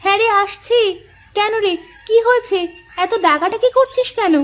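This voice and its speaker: A woman's voice: extremely high pitch, moderate pace. A woman voicing a caring, patient village wife and mother in a cartoon, soothing and reassuring. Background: faint music.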